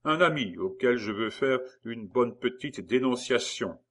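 A blustering male revolutionary informer, as a man reads him aloud in a storybook, eager to please and quick to boast. His voice sits at an ordinary middle pitch, pushed up louder when he insists. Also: animated. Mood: sly.

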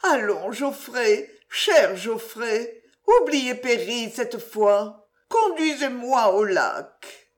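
A fiery, flirtatious widow, as a woman reads her, pitched well above the narration and swinging between coaxing sweetness and sharp indignation. Her voice climbs high and bright in a storybook reading. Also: sing-song, slow pace. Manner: pleading, then indignant and pouty.

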